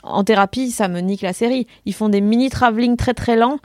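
A woman comedian from Belgium chatting casually on a podcast, animated, laughing and swearing freely. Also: a little high, brisk, no echo, studio quality. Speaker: comedian guest.

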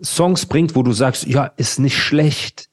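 A man co-hosting a podcast in casual chat, talking in an animated, slangy way and often calling his co-host "Bruder". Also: medium pitch, slow pace.

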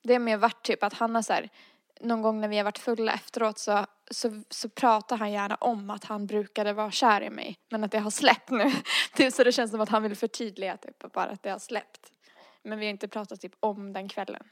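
Chatty woman with a creaky voice. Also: medium pitch, little pitch movement, no echo, studio quality. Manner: acts out quoted dialogue, frequent fillers. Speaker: guest telling a personal story. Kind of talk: casual storytelling.

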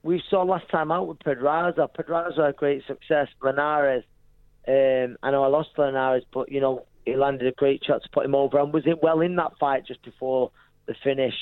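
A man's voice: mid-range voice, steady tone, normal speed, clean tone, no room sound. Tinny phone-line Mancunian man, interviewed. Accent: Manchester, English. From Manchester, England. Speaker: professional boxer being interviewed. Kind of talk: casual radio interview. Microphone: phone call.

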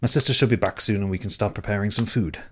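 A man's voice: fairly low pitch, fast talker, fairly bright tone, husky. A man voicing a kindly male mountain dweller in a tabletop game, reassuring and homely.

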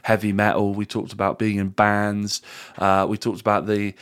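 Man, British accent, fairly low pitch, casual podcast host chat. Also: monotone, normal speed, clear, resonant tone. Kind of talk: casual conversational podcast talk.

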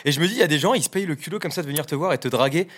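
Young male streamer, rapid anecdotes, slightly high voice, laughing, filler-heavy. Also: expressive. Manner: fast, laughing, many fillers. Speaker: content creator on a live stream. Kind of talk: casual chat, telling anecdotes.

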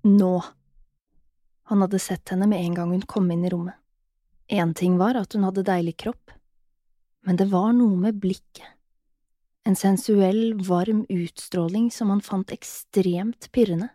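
A woman narrating a scripted erotic audio story in a soft, intimate way, sometimes dropping into a whisper. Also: medium pitch, fairly even intonation, no echo, studio quality.

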